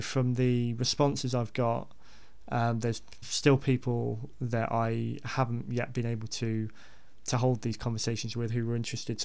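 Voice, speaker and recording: Casual and unscripted, this podcast host's speech drifts hesitantly, often doubling back on words. His voice carries heavy vocal fry and stays fairly flat in pitch.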